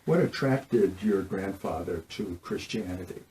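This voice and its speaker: A man hosting an interview, asking questions in a halting way with frequent pauses. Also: low voice, warm tone, slight background noise, rough recording. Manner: halting, many "uh" fillers. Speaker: interviewer, host.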